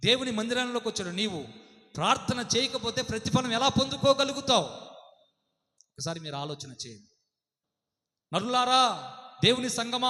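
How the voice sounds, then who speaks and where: A man's voice: very high-pitched, sharp tone. A man preaching a sermon with a Telugu accent, fervent and asking the congregation question after question. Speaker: pastor. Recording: long hall reverb.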